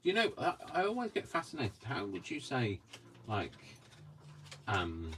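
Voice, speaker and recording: A craft vlogger from Coventry, England, chats casually while crafting at home, rambling hesitantly, putting himself down, and saying "um" a lot. His mild, slightly posh British accent rides on a medium-pitched, fairly bright voice whose pitch swoops wildly, and he speaks unhurriedly. The mic is distant and picks up clear background noise.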